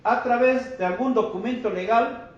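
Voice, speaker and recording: Man, high-pitched, measured denouncing press statement; boomy, muffled room. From Peru. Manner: deliberate, denouncing, addresses listeners as brothers. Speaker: activist speaking at a press conference. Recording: echoey muffled room with faint noise.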